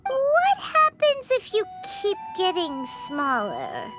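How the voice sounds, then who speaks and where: A tiny, excitable game fairy with an extremely high, squeaky child's voice. The pitch swings widely and the pace is unhurried, every phrase whiny and emphatic. Prominent music plays behind her. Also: heavily acted. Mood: dismayed, anxious. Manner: speaks of herself in third person, whiny, emphatic. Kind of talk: animated video game voice acting.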